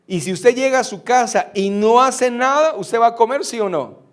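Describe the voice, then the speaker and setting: Middle-aged pastor preaching, pretty high voice for a guy, keeps firing questions at the crowd. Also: animated, moderate pace. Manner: preaching with rhetorical questions to the congregation. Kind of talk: sermon.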